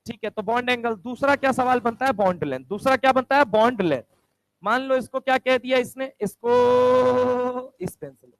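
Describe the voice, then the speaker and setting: A male chemistry teacher lecturing a class, firing quick rhetorical questions and answering them himself. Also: very high voice, fairly bright tone, dry recording, poor audio. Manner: answers his own questions aloud.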